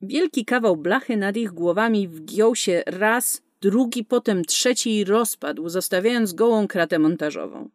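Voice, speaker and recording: A woman narrating an action-packed science fiction story in a brisk, vivid storytelling manner. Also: mid-range voice, dry recording, clean studio sound. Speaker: audiobook narrator. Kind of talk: scripted narration.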